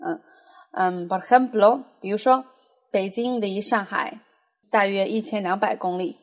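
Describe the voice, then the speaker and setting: A woman's voice: mid-range voice, fairly even intonation, measured pace. A young adult woman teaching a language lesson, explaining patiently and reading foreign phrases aloud with frequent fillers. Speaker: Spanish teacher.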